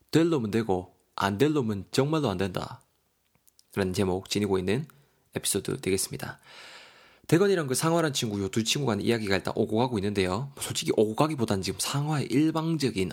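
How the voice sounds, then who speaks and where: A man's voice: on the low side, animated, fairly quick. A man with a Gyeongsang accent hosting a podcast English vocabulary lesson in a playful, joking way. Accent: Gyeongsang Korean. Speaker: English teacher, podcast host.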